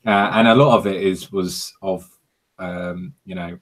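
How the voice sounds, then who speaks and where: A man hosting a casual livestream Q&A, talking haltingly with many ums and restarts. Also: sits low, steady tone, a bit bright. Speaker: host of a livestream Q&A. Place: home in South Korea.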